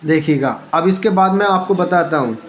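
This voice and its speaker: A man's voice: fairly high pitch, moderate pace, slight background noise. A male teacher giving a spoken pronunciation lesson, spelling words out letter by letter and asking the viewer to repeat each answer.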